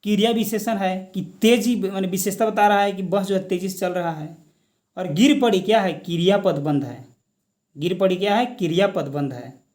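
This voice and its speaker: Man, high-pitched voice, grammar lesson, asks and answers his own questions, slips in English words. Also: moderate pace, a little mellow. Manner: mixes English words into Hindi. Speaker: Hindi grammar teacher. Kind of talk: exam-prep grammar lecture.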